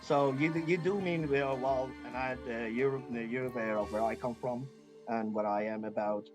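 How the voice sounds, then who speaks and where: A man's voice: medium pitch, steady tone, moderate pace, music in the background. A man from Iran, a guest talking earnestly and hesitantly in an interview. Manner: earnest, hesitant, many fillers and restarts. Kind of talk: interview conversation.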